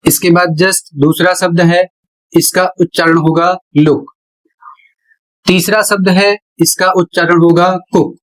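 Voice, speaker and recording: A male teacher explaining pronunciation rules at a board in a deliberate way, repeating each step. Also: high voice, flat delivery, rough recording. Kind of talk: slow classroom explanation at a board.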